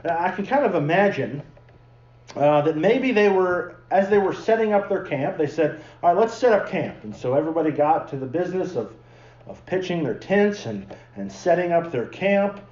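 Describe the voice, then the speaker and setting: A man's voice: fairly high pitch, animated, moderate pace, darkish tone, echoey room, dull audio. A man preaching a sermon, telling the story in a chatty way and acting out the people in it. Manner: conversational storytelling, acting out the characters. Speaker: pastor. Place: church sanctuary.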